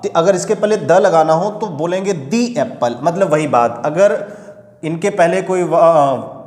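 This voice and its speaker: Male teacher, Hindi accent, step-by-step classroom explainer, slightly raised pitch, reverberant hall sound. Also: expressive, a little slow, darkish tone. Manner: explanatory, asks and answers own questions. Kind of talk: spoken English lesson. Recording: echoey room with long reverb.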